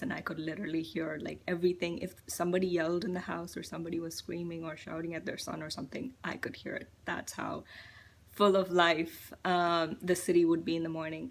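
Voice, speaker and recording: A young woman from India shares her thoughts in a loose, reflective vlog monologue. Her voice sits low with a gravelly fry and stays flat in pitch. She talks hesitantly, leaning on plenty of fillers. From Chennai, India. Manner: musing, hesitant, full of fillers. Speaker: vlogger.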